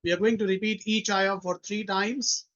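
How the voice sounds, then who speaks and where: A man's voice: sits high, steady tone, extremely slow, fairly bright tone. A man teaching children Quran recitation in an online lesson, patiently repeating each phrase for pupils to echo, mixing Hindi and English instructions. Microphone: video call. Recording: dull, lo-fi online call audio.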